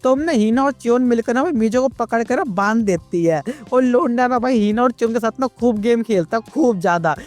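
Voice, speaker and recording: A man with a high-pitched voice recaps a comic story in loose, crude street slang. He keeps nudging the listener with buddy asides, while faint music plays beneath. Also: animated, a little fast, few pauses. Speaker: manga recap narrator.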